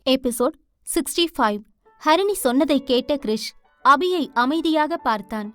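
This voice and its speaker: A woman tells a love story as an audiobook in a steady narrating voice. Her pitch sits on the higher side. Soft background music plays faintly. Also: unhurried, dry recording. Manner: steady storytelling, voicing each character. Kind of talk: scripted narration.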